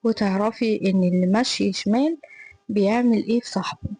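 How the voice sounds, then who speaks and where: A woman's voice: mid-range voice, a little fast, warm tone, breathy edge, no echo, close to an everyday voice, rough recording. A woman reading the part of a cruel, scornful young male tutor in an Egyptian Arabic accent, harsh and threatening.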